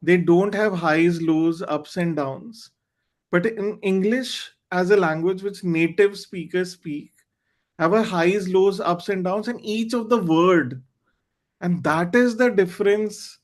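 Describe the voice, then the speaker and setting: A high-voiced man hosts an online club meeting over a video call, speaking slowly. Hindi is his language, and he comes across as earnest and candid, using small fillers as he reaches for words.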